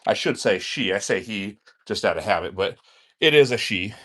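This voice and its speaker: A man's voice: fairly low pitch, moderate pace. Chatty man hosting a snake-feeding stream. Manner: relaxed and chatty, coaxing the snakes and answering viewers' questions. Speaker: reptile keeper streaming a live snake feeding. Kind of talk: casual live-stream narration. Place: indoor snake room with enclosures. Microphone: handheld phone camera.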